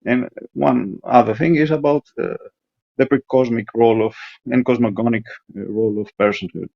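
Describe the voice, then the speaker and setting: Gravelly man leaving a voicemail. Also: mid-range voice, fairly even intonation, dry recording. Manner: halting, lecturing, frequent restarts and stumbles. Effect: answering machine voicemail message. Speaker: voicemail caller. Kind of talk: recorded voicemail monologue. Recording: dull lo-fi voicemail line, dry.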